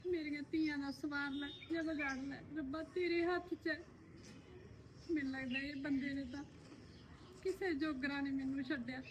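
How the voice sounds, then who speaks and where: A woman's voice: sits high, a little fast, a bit bright, a little hiss or hum. A woman playing a frightened downtrodden village wife. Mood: despairing prayer. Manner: pleading, fearful, then prays in despair. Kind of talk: rural family drama.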